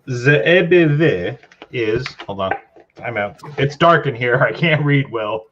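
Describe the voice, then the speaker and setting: A man's voice: medium pitch, expressive, a little slow, a bit bright, lo-fi sound, slight background noise. A man in casual whiskey-tasting livestream chat, joking and self-mocking.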